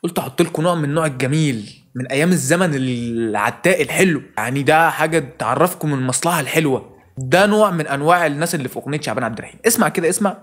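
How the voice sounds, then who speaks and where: Somewhat high and fairly bright, this man's voice has lively intonation. He hosts a comedy video and, in an Egyptian Arabic accent, rants rapidly and with exasperation, clipping his curses off partway through.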